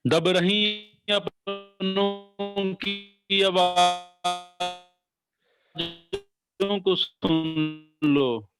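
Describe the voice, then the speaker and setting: A male poet slowly reciting verse on a video call, repeating each line, while his voice keeps cutting out on a bad internet connection. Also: high-pitched, fairly even intonation, over loud music. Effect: breaking up over a bad internet connection.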